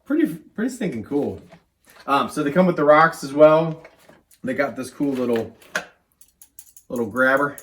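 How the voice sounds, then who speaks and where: A young man with a hoarse voice, sick with a cold, hosting a casual whiskey review in a relaxed, chatty way. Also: mid-range voice, moderate pace, long pauses, slight background noise. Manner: chatty, laid-back, says "stinking" and "um" a lot. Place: home man cave, indoors.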